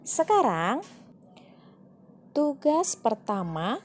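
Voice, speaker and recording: A woman's voice: medium pitch, a little mellow, a little hiss or hum. A woman teaching a primary school class in a recorded online lesson, explaining patiently and reading examples aloud with feeling.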